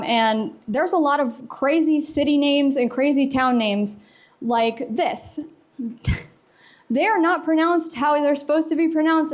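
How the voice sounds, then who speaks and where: A young woman from the US Midwest and South giving a casual conference talk, chatty and full of fillers, acting out bits of dialogue. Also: sits high. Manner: chatty, filler-heavy, acts out quoted dialogue. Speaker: conference presenter. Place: conference room.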